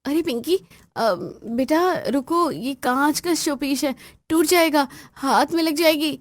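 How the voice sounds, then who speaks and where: A woman's voice: high-pitched, unhurried, dry recording, voice pushed up. A woman voicing a young new daughter-in-law who stays polite but sounds fed up. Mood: polite exasperated. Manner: polite, pleading, exasperated.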